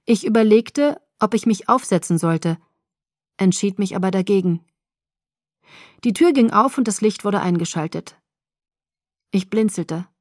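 Female audiobook narrator, calm even read, dry studio sound. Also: mid-range voice, measured pace, pauses often, no room sound. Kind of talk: scripted first-person narration.

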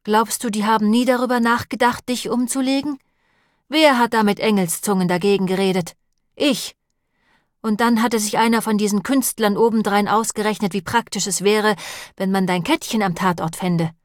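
A woman's voice: mid-range voice, fairly even intonation, normal speed, dry recording, studio quality, lightly acted. A woman reading the lines of a nervous, whining priest in an audiobook, plaintive and fretful in tone. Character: nervous, whining long-nosed priest man.

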